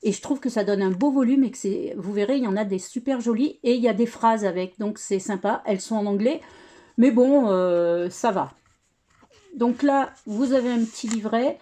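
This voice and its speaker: A chatty woman walks through her crafting project in a relaxed tutorial. Her voice sits a little high yet sounds mellow and dark-toned. She talks hesitantly, stacking fillers and restarting her sentences. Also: moderate pace. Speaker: scrapbooking crafter showing her work.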